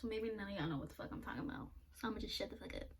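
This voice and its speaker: A woman's voice: mid-range voice, expressive, very fast. Blunt, self-mocking young woman. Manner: blunt, self-mocking, swears a lot, laughs often. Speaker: beauty vlogger. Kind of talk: casual makeup vlog chat. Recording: somewhat distant mic with faint noise.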